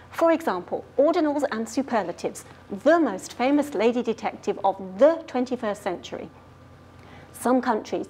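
A woman playing an earnest lady grammar detective who explains rules clearly and patiently. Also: a little high, a little mellow, a little hiss or hum, close to an everyday voice. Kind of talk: scripted grammar lesson skit.

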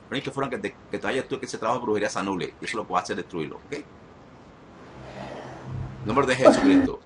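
A man leading a live deliverance prayer, giving commanding, repetitive orders that rise to shouted commands. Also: lowish voice, slight background noise. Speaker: deliverance minister.

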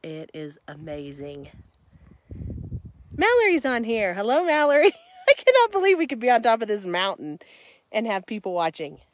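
Excited woman on a mountainside phone stream. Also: a little high, moderate pace, pauses often. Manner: breathless, excited, laughs often, greets viewers by name. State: tired from hiking. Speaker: vlogger streaming live. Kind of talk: casual live-stream chat. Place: outdoors on a mountainside. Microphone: phone held at arm's length.

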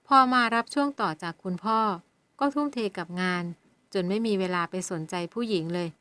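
A woman's voice: mid-range voice, expressive, moderate pace, a bit bright, close to an everyday voice. Audiobook: woman playing a 33-year-old big brother, easygoing and teasing. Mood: relaxed. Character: 33-year-old man, playful older brother.

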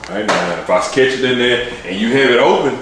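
A man's voice: lively intonation, brisk, very echoey, heavy background noise. A young man teasing his family in playful casual banter in a home kitchen. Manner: playful teasing, swings up and down in pitch. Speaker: husband in family vlog.

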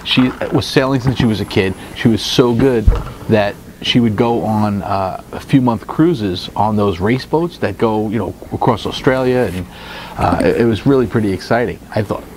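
A man's voice: lowish voice, normal speed, slight background noise, low-quality recording. A middle-aged man co-hosting a casual chat, telling a dating story with lots of fillers and restarts into a lapel mic. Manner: rambling, animated, many fillers and restarts. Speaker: co-host. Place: indoor studio room with guitars on the wall. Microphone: lapel mic with headphones.

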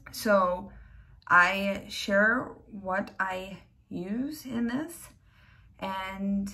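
A young woman, chatting casually as she cooks in her home kitchen, with plenty of ums and a relaxed, unhurried way of talking. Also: mid-range voice. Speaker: home cook vlogger. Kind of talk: casual cook-along narration.

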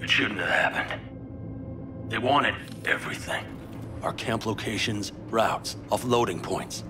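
A man voicing a stern older nomad clan leader in video game dialogue, terse and gruff, over game music. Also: lowish voice, lively intonation, slow. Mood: grave.

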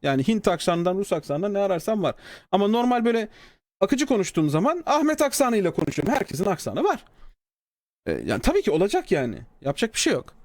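Sarcastic Turkish streamer, high dry voice. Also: male voice, huge pitch swings, quick pace, a little mellow, no echo. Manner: sarcastic, mocking, swings from low mutters to high exclaims. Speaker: streamer reading and answering a developer's comment. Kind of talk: casual live-stream talk.

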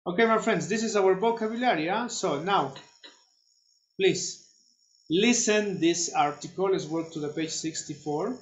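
A man teaching English to children over a video call, slow and patient, repeating his instructions. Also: sits high, echoey room, poor audio. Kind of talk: online class instruction.

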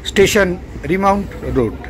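A man's voice: sits high, very animated, normal speed, background noise. A man narrating a local train journey as a travel vlogger, pointing out sights along the route. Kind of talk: calm guided narration over train footage.

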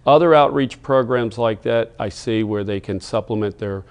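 A man on a studio panel with a low, gravelly voice, laying out practical business ideas through rhetorical questions. He speaks on a studio set. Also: moderate pace. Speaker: panel guest. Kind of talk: panel discussion on a TV talk show.

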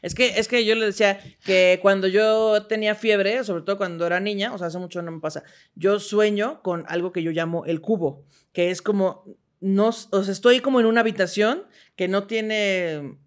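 Mexican woman, mid-pitched voice, slow descriptive storyteller, casual podcast chat. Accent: Mexican Spanish.

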